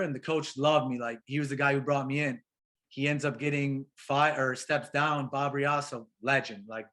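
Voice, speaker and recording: Bright-voiced man chatting casually. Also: medium pitch. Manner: animated, slangy, says bro and man often. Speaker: pro soccer player guest. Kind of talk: casual interview chat.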